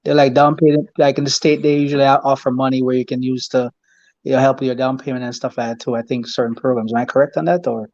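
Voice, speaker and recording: A man speaking as a guest accountant in a casual chat, talking fast and rambling with restarts. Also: mid-range voice, flat delivery, darkish tone, no room sound, dull audio.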